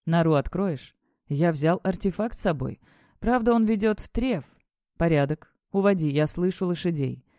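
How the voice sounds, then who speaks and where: The narrator voicing a gruff, matter-of-fact man, weary and brisk, with a dark, dry tone. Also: medium pitch, animated, no room sound, natural voice.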